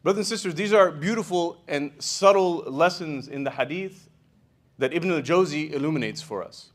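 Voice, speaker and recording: A man delivers a sermon in a high-pitched voice, talking to the congregation as if chatting with friends. He retells an old story in an animated way, dropping in "you know" and "right?" as he explains the lesson. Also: moderate pace. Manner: animated storyteller, swings in loudness. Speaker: imam.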